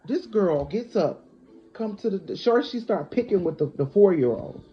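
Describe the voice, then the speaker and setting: A middle-aged woman vlogger tells a personal story bluntly and casually at normal speed, acting out people's quotes with animation. Her medium-pitched voice comes through a dull lo-fi recording with soft background music.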